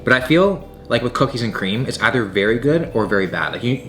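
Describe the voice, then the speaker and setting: This young host answers viewers' questions in a casual food-tasting Q&A, speaking loosely, emphatically and with many filler words. His medium-pitched voice is a bit bright, swings widely in pitch and moves quickly, over slight background noise.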